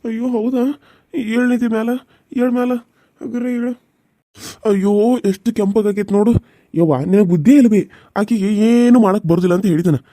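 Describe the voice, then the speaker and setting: Someone playing a hot-tempered young village husband, fast and dark. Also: mid-range voice, dry recording, studio quality, lightly acted. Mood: scolding. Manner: rough, threatening and scolding.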